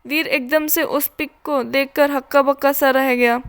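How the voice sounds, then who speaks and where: A woman storyteller gives a scripted narration in a measured, plain manner. Her voice is high and fairly flat. She reads at a slow pace.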